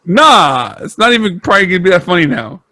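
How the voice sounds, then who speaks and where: Young male co-host, dramatic and profane in his rants; slightly high pitch, dry close mic. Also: sing-song, fast, bright, forceful tone, no room sound. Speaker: podcast co-host. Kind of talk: casual chat.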